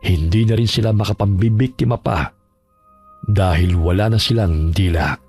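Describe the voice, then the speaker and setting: Man reading out a spooky folk horror story, steady and measured. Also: low-pitched, breathy edge, faint music behind. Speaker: narrator. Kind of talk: scripted horror story narration.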